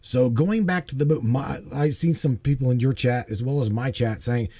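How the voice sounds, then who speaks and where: A man's voice: medium pitch, moderate pace, warm tone. A man in his forties hosting a casual livestream chat, talking animatedly and emphatically, repeating himself and checking in with "okay?". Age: 40s. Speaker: host.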